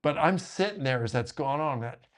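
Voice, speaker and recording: A man talking as a guest author in a casual discussion, telling stories in an animated way with quick asides. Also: mid-range voice.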